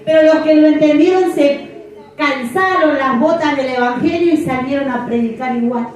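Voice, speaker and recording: A woman's voice: sits high, normal speed, darkish tone, a little hiss or hum. A middle-aged woman pastor preaching a sermon, emphatic and repeating phrases for effect. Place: church. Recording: echoey church from far off.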